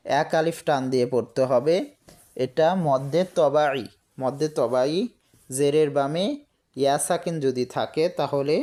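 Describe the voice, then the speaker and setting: A man's voice: mid-range voice, darkish tone. A man teaching Quran recitation, spelling out each letter and vowel and repeating every word several times. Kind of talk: slow spelled-out recitation lesson.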